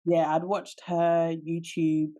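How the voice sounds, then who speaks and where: A woman in her late twenties with a notably low voice, co-hosting a podcast. She talks in a relaxed, chatty way and laughs easily. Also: slow, lo-fi sound, noisy background. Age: 20s. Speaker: podcast co-host. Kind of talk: casual chat.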